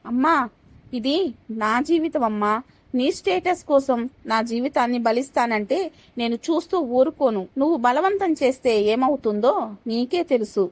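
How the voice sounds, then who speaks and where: Storybook drama: a woman as an earnest young daughter, pleading and stubborn, lightly high voice. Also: close to an everyday voice. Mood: defiant. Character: headstrong young woman in love, a wealthy family's daughter.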